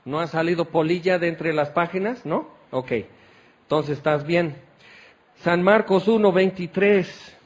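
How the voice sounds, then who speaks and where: A man preaching a sermon, animated and teasing, firing questions at his listeners. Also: a little high, measured pace.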